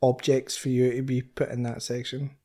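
A man with a Scottish accent co-hosting a podcast, chatting in excitable, rambling banter. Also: medium pitch, normal speed. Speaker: podcast co-host. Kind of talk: casual chat.

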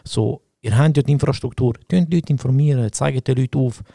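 A man's voice: mid-range voice, brisk, gravelly, mellow, no room sound, studio quality. A young man with a Swiss German accent, co-hosting a podcast in casual chat and ranting heatedly in slang. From Switzerland. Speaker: podcast co-host.

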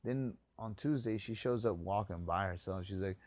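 A man's voice: on the low side, normal speed, a little mellow, dry recording. A man hosting a podcast, delivering a profane, hostile, ranting monologue into a close mic. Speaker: podcast host. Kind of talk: angry monologue rant.

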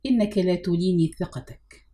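A woman's voice: fairly low pitch, brisk, dark tone, natural voice. A woman voicing a sulky, curt adult man in an audiobook reading.

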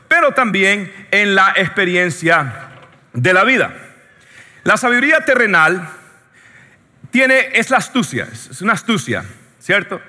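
A pastor from Latin America preaching a sermon with a joking, animated storytelling manner. He keeps checking in with the congregation. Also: sits high. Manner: joking, animated storytelling, often asks the audience "yes or no". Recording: long hall reverb.

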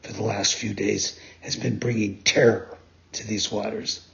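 Courteous sea dolphin, lower and steady, read by a man; muffled lo-fi storybook. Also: measured pace, creaky. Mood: calm. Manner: courteous, matter-of-fact. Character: polite, calm male dolphin. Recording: dull lo-fi sound.

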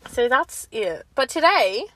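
A woman's voice: sits high, big pitch swings, a little slow, background noise. A woman co-hosting a casual advice chat, talking informally with slang and swearing. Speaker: podcast co-host.

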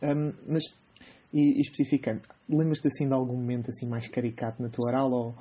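A man's voice: mid-range voice, level tone, brisk, mellow, husky. A young man, hosting a casual interview and feeling his way through questions with restarts. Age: 20s. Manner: friendly, searching for words, many restarts. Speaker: student podcast host.

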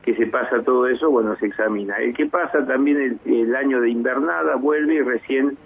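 Husky man on a tinny phone line. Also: mid-range voice. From Argentina. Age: 50s. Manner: measured, many hesitations and restarts. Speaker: base commander guest. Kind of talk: phone interview on radio.

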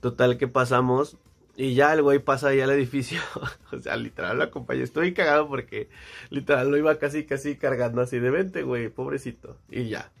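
A man's voice: mid-range voice, brisk, vocal fry. Slangy young Mexican man telling a story. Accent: Mexican Spanish. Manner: slangy, animated, acts out voices. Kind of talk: casual storytelling.

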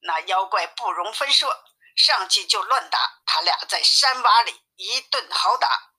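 A woman telling a classic tale in a steady, simplified storybook reading. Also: mid-range voice, unhurried, husky. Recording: tinny phone-like sound.

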